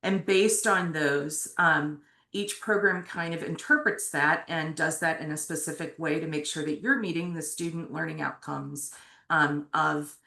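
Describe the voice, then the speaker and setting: Bright-voiced woman presenting in an echoey room. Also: low voice, fairly even intonation, a little slow, creaky. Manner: conversational, frequent fillers, asks "right?". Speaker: MSW program faculty presenter. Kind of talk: orientation presentation. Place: classroom with online attendees. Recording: roomy echo.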